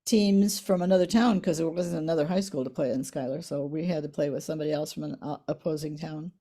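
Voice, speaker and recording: A woman in her eighties, reminiscing in a casual family interview, soft-spoken, her voice trailing off quietly at the ends of lines. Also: sits low, quick pace. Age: 80s. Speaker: interviewee, the mother.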